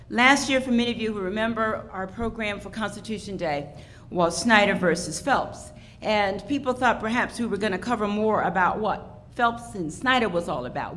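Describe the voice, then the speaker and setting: Woman's podium speech, medium pitch, slight noise. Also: fairly bright tone. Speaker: institute associate director, event host. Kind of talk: podium speech, introducing a program. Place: public event venue, audience present. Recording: faintly noisy live event recording.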